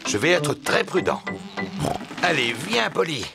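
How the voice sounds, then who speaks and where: A man voicing a jolly, reassuring father pig with a gravelly voice in a children's cartoon. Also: loud music behind the voice, heavily acted. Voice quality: very deep, gravelly voice. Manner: animated, unhurried. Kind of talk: French-dubbed preschool cartoon acting.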